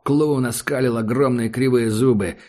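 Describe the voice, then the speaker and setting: A man narrating an audiobook in a steady, dramatic storytelling manner. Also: mid-range voice, moderate pace. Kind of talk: scripted narration.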